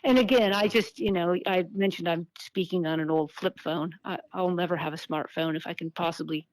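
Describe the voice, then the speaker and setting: A woman's voice: fairly low pitch, fairly even intonation, fairly quick, no echo. A woman from the United States, a guest in an interview, speaking over an old flip phone call. She talks in an earnest, reflective way, often restarting her sentences. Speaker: interview guest, author and activist. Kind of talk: casual interview conversation.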